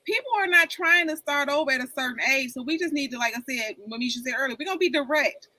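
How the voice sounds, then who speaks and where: A woman's voice: sits high, fast, bright, forceful tone, dry recording, low-quality recording. A woman in her forties talking candidly in a casual group chat, rambling and often repeating herself. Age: 40s. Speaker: panel guest.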